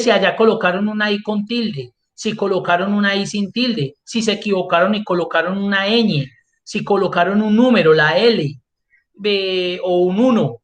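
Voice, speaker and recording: A man's voice: sits high, fairly bright tone. Man teaching an online class. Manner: explains step by step, answers his own questions. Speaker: Excel instructor.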